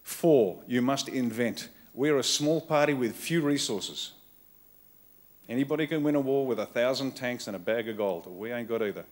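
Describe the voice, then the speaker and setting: A man's voice: mid-range voice, moderate pace. A middle-aged man with an Australian accent, giving a rousing political keynote from a conference hall stage into a podium microphone, speaking in punchy, emphatic short phrases that he often repeats. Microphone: podium microphone on a stand.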